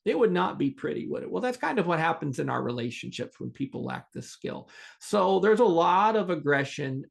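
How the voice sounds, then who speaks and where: Gravelly-voiced man telling a teaching story. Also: a little high, a little fast. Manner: earnest, animated storyteller with restarts. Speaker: podcast host.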